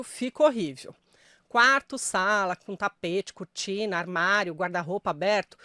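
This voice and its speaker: A middle-aged woman with a Brazilian Portuguese accent speaks straight to the viewer, a journalist sharing voice-over tips in an emphatic, friendly way. Her voice sits at an ordinary mid pitch. The recording is dry and close, with no room around it. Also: no echo. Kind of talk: direct-to-camera voice tips.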